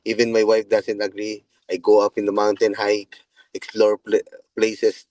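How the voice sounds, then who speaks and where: A man's voice: lowish voice, completely flat delivery, moderate pace, darkish tone, no room sound, poor audio. A middle-aged man with a Filipino accent, talking loosely as an interview guest, with many restarts. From Philippines. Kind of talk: casual interview.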